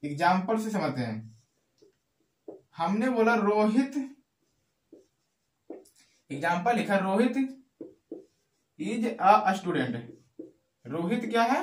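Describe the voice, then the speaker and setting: A man teaching English grammar in Hindi, repeating key phrases slowly and answering his own questions. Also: sits high, big pitch swings. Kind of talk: classroom-style grammar lesson in Hindi. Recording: echoey room.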